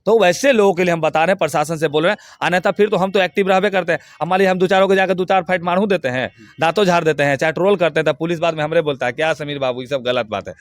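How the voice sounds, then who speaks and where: A man rants in an interview, his voice pitched a little high. He speaks with heated, crude emphasis, close and dry on the mic with no room sound. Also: steady tone, racing, few pauses, no room sound. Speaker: interview guest.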